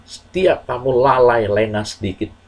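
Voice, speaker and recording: A man telling a moral story to children in a slow, earnest, measured way with pauses. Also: medium pitch, darkish tone, low-quality recording.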